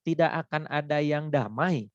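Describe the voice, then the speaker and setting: A man giving a relaxed online lecture, chatty and laughing often. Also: a little high, moderate pace, no room sound, muffled recording. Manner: chatty, laughs often, switches into Sundanese words.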